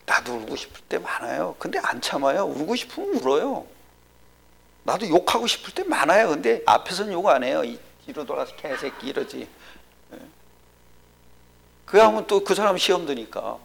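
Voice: mid-range voice, sing-song, normal speed, creaky, a bit bright. A pastor preaching a sermon to a congregation, often asking questions and dropping to a whisper for emphasis. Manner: drops to a whisper for emphasis, asks the audience questions.

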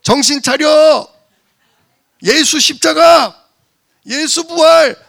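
Man playing a shrill exasperated wife, scolding, loud, bright, raspy edge. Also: takes it slowly, heavily acted. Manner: scolding, pleading.

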